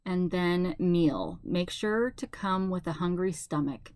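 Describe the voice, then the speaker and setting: A middle-aged woman chatting casually at home as a haul vlogger, thinking aloud and reading things out slowly. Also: fairly low pitch, a little mellow, no echo. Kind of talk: casual unboxing chat. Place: at home, at a table.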